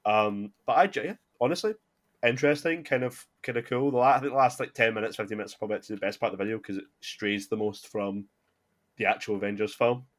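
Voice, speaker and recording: A man's voice: on the low side, quick pace. A man hosting a podcast in casual chat, rambling with lots of filler words and restarts. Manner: rambling, heavy filler words, self-correcting. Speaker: podcast host.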